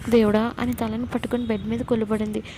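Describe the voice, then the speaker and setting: Woman reading out a love story, kinda high voice but real flat, bit of hiss behind. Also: quick pace, rough recording. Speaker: story narrator. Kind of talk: scripted story narration with dialogue.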